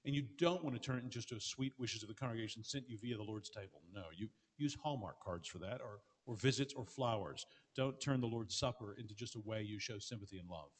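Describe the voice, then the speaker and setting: Pastor guy rattling off answers quick and earnest, lots of restarts, big echoey hall. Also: lowish voice, husky. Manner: fast, earnest, with frequent restarts. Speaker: pastor answering audience questions. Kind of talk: conference Q&A answers. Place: large hall with an audience. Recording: long reverb of a large hall.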